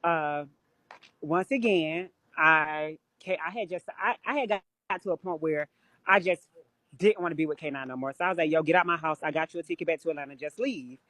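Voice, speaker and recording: A woman's voice: low-pitched, fairly quick, a bit bright, dry recording. A woman on a live stream, telling stories bluntly and with plenty of swearing in casual chat. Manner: blunt, profane storytelling. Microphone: phone or webcam on a live stream.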